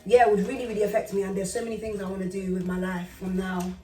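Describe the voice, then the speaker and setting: A woman's voice: medium pitch, little pitch movement, rapid-fire, dark tone. A woman, giving emphatic advice in a casual chat. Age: 30s. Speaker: guest. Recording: roomy and distant from the mic.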